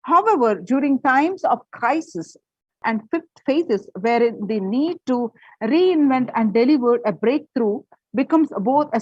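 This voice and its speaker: A woman's voice: fairly high pitch, slightly rough, no room sound, lo-fi sound. A woman presenting and reading a prepared article aloud, with the odd filler and restart.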